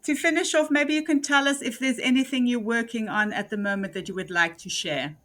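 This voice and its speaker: A woman's voice: a little high, brisk, a bit bright. A woman hosting a podcast interview, asking questions fluently and encouragingly. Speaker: podcast host.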